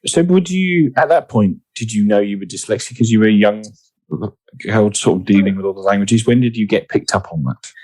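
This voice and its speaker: A man's voice: lowish voice, a little fast, a little mellow, no room sound. A man hosting a podcast interview, encouraging his guest, laughing often and circling around his questions. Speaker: podcast host. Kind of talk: casual interview chat.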